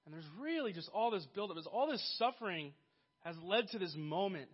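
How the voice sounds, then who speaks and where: A man preaching a sermon, earnest and building to emphatic peaks before dropping soft. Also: high voice, expressive, a little fast, husky, dull audio. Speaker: pastor.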